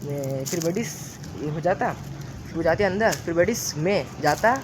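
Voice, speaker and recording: A young man vlogging casually to his phone camera, chatty, sometimes dropping to a hushed voice. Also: a little high, expressive, moderate pace, noisy background. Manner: chatty, repeats a filler word, drops to a hushed voice near the mosque. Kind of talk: casual vlog chat to camera. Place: outdoors and at home, walking around.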